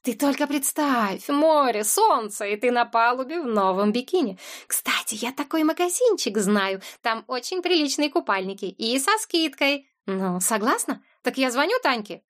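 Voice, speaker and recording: A woman reading the part of a pushy, sarcastic woman friend who talks in a rapid-fire rush. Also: on the high side, animated, fairly bright tone. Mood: insistent. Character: brash, pushy woman friend, quick talker.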